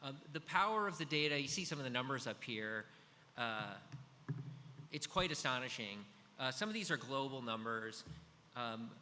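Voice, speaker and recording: This conference speaker is a man in his fifties giving a business talk into a handheld or stand mic in a big hall. He's loud, medium-pitched and chatty, often stumbling into fillers and starting sentences over. Faint noise and the hall's reverb come through on the recording.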